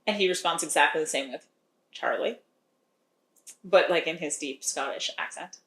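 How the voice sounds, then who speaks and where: A woman co-hosts a podcast and recaps a romance novel in a chatty, wry tone, laughing often. Her voice sits a little low. The room adds a noticeable echo. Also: fairly quick, a bit bright. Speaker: podcast co-host recapping a book. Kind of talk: casual chat.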